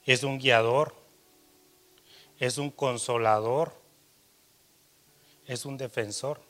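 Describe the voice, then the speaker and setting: A man preaching a sermon, telling a personal story, his voice rising louder and dropping soft. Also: medium pitch, fairly even intonation, takes it slowly.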